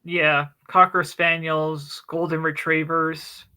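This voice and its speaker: Bright-voiced chatty man. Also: fairly high pitch, slow pace, smooth, rough recording. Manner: animated, chatty retelling with many fillers. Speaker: book club podcast co-host. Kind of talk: casual chat.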